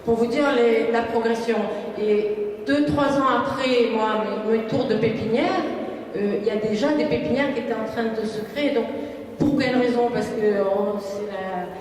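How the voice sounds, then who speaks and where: A woman's voice: a little high, normal speed, darkish tone. A middle-aged or older woman speaking emphatically on a panel from her own professional experience, repeating key phrases. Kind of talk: spontaneous panel discussion. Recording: echoey hall, distant mic, audience noise.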